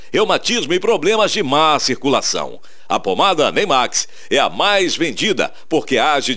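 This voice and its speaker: A man voicing a radio commercial with an emphatic sales pitch. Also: a bit bright. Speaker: ad voice-over.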